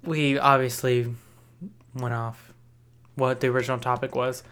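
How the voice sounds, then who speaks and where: A woman's voice: rumbling low, flat delivery, measured pace, clean tone. A woman co-hosting a podcast in casual chat, dry and laid-back, often trailing off. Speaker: podcast co-host.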